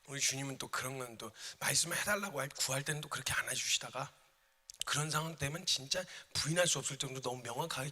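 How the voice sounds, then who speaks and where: A man's voice: mid-range voice, bright, forceful tone, breathy edge. A man preaching a sermon as a missionary, emphatic and dramatic, addressing the congregation in a church. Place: church sanctuary. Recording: reverberant church hall.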